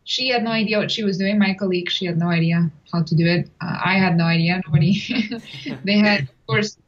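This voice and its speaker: A woman's voice: mid-range voice, fairly quick, lo-fi sound. Chatty woman. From Chile. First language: Spanish. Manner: chatty, with frequent restarts and small laughs. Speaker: guest. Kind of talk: casual interview.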